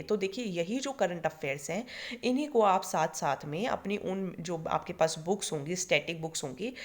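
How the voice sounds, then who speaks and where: An Indian woman teaching an online exam coaching lecture, explaining step by step and often checking in with her students. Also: mid-range voice. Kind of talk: online lecture in Hindi-English mix.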